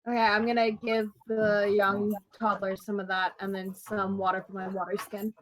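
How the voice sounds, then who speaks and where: A woman's voice: medium pitch, flat delivery, moderate pace, low-quality recording. A woman taking part as a player in a tabletop game, friendly and plain-spoken. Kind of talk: casual chat during a tabletop game.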